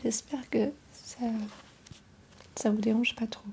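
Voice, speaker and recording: A woman speaking softly in an ASMR style, drifting into whispers, her voice hoarse and husky from a cold, with a gentle, unhurried manner. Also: on the high side, flat delivery, slight background noise. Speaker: ASMR video host.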